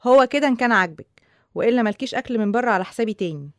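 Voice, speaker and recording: A young woman with an Egyptian accent playing a bossy, teasing middle sister, over soft music. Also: on the high side, animated, racing, no echo, clean studio sound. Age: young adult. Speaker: college student sister. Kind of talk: radio drama acting.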